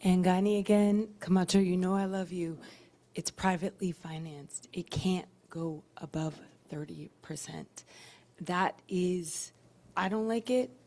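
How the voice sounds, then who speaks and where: A woman's voice: on the low side, unhurried, darkish tone. A board member woman speaking earnestly and emotionally about a vote at a public meeting.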